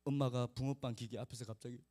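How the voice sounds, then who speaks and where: A male pastor preaching a storytelling sermon in a conversational way, speaking directly to the children in his congregation by name. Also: a little high.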